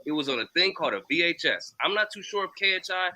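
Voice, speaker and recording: A man's voice: on the high side, sing-song, fast, sharp tone, dry recording. A man on a casual sports podcast, teasing and trash-talking a rival team's fans. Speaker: podcast co-host.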